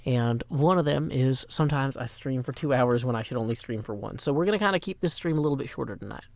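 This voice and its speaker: Speaking fast in a gravelly, medium-pitched voice, this tired-sounding middle-aged Nashville man keeps his live-stream chat casual and playful. He tosses in rhyming asides and rattles off long greeting lists. A microphone on a stand picks him up with no echo.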